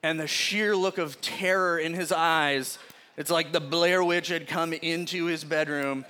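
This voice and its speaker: A man with a rather high, bright and forward voice preaches in an easy, conversational way. He tells stories with lots of energy and laughs as he goes. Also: measured pace, clean tone. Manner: animated, chatty storyteller who often laughs mid-sentence. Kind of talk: casual sermon with personal storytelling.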